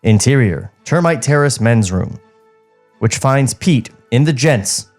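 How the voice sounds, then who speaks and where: Reading from a script in a studio, this podcast co-host has a medium-pitched, darkish voice and speaks slowly and expressively. He alternates narration with relaxed banter while music plays underneath.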